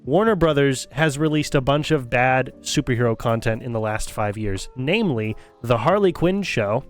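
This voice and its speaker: A man's voice: mid-range voice, lively intonation, normal speed, faint music behind. A man streaming, giving an opinionated, critical rant in casual commentary, often repeating and restarting phrases as he thinks it through.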